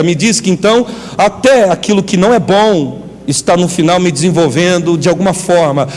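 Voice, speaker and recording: A male pastor with a Brazilian Portuguese accent, preaching an animated sermon and calling on the congregation to respond. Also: high-pitched, a little hiss or hum. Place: church. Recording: church hall reverb, faint music.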